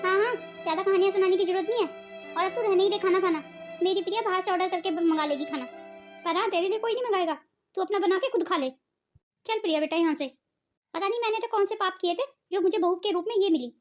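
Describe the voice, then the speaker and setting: A woman playing a sharp-tongued old mother-in-law in a family cartoon, squeaky high and fast-talking. She taunts and scolds with melodramatic flair, with soft music faint underneath. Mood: scolding.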